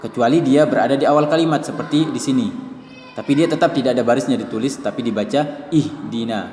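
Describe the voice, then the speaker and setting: A man's voice: medium pitch, fast talker, darkish tone, slight background noise. A man with an Indonesian accent teaching Quran reading, methodically explaining the written signs step by step. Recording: reverberant hall with faint music.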